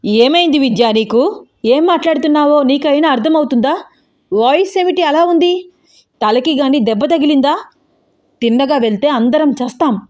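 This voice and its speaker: A woman voicing an angry, frightened father, firing off sharp questions. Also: high voice, normal speed, pauses often, voice pushed up, lightly acted.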